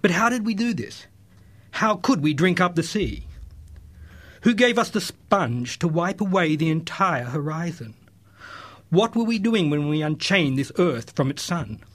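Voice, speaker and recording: A man's voice: on the high side, expressive, a little slow, a bit bright. A man reading aloud as a madman who preaches fervently in a marketplace. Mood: impassioned. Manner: read aloud with rising fervor.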